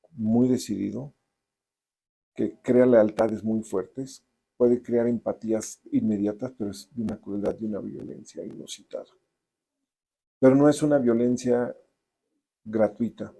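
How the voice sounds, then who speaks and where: A man with a Mexican accent speaks in a low, gravelly voice with a dark, husky tone. He answers interview questions deliberately, pausing and restarting often as he works through his thoughts. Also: rough recording. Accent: Mexican Spanish. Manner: deliberate, many restarts and hesitations. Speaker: novelist guest.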